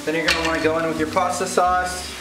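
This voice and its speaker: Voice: medium pitch, flat delivery, quick pace, distant mic. A drunk home cook giving a casual, rambling, profanity-laced cooking tutorial. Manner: tipsy, rambling, crude swearing. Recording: roomy kitchen, off-mic, loud music behind. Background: loud music, sizzling pan.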